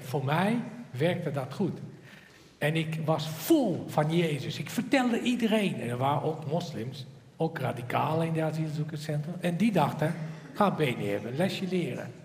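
A man tells his story in slightly broken Dutch, his voice sitting a bit high and swinging widely in pitch as he acts out the scenes. The sound carries the long, roomy reverb of a large hall. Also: darkish tone, slight background noise. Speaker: speaker giving a personal testimony. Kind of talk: personal storytelling.

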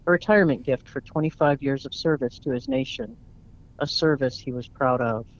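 A man, a guest author, reading his own short story aloud in an earnest, reflective spoken word style. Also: mid-range voice. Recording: dull lo-fi recording.

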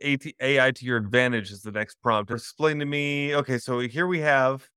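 A man's voice: medium pitch, fairly even intonation, moderate pace, pushed and bright, smooth, no echo, studio quality. A man hosting an interview over a video call, reacting with upbeat enthusiasm. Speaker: host. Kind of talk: casual interview chat.

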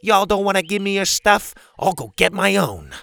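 Man putting on a grouchy wild girl, gruff, snappy, gravelly, jumpy pitch. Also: big pitch swings, normal speed, a bit bright, full character voice. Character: crabby, rude girl living wild in a jungle.

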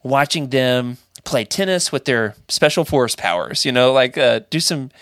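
A man's voice: medium pitch, moderate pace, a bit bright, dry recording, clean studio sound. A man hosting a casual fan podcast, talking enthusiastically in a rambling, jokey way. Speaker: podcast host.

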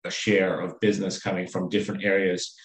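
A man speaking as a company executive in a business interview, halting with many fillers and restarts. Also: low-pitched, flat delivery, echoey room, poor audio.

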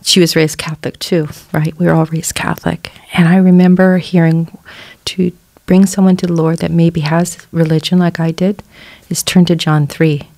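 A woman's voice: fairly low pitch, little pitch movement, moderate pace, mellow, no room sound. A middle-aged woman giving an earnest personal testimony as a guest on a church podcast, acting out the voices she quotes.

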